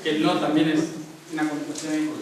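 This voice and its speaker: A man's voice: a little high, completely flat delivery, quick pace, over a noisy crowd. Young man speaking in a very echoey room. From Argentina. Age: young adult. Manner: explains step by step, often checking in with "¿sí?". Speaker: spiritual speaker. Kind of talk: spiritual talk to a live audience. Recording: very echoey room, mic far off.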